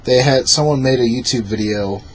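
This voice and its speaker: A man's voice: mid-range voice, fairly quick, slight background noise, poor audio. A drunk man co-hosting a film review in loose, casual conversation.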